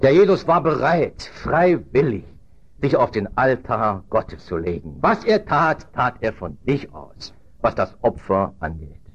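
A man preaching a sermon in earnest, dropping low and quiet, then rising loud and high for emphasis. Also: big pitch swings, slow, slightly rough, dull audio.

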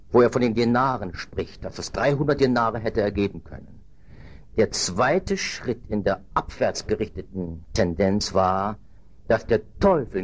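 A man preaching a sermon in earnest, dropping low and quiet, then rising loud and high for emphasis.

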